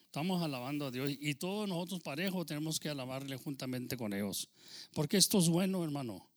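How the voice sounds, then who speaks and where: Fervent Texan pastor preaching in Spanish. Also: male voice, a little high, lively intonation, quick pace. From Texas. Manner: fervent preaching, rising loud when quoting scripture, frequent amens. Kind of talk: sermon. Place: church.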